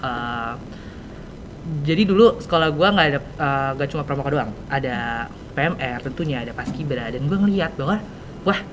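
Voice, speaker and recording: A teenage podcast host with a Jakarta Indonesian accent runs a casual interview, his speech slangy, hesitant, and full of fillers. He sounds animated and a bit bright at a moderate pace. The low-quality recording has clear background noise and a low rumble.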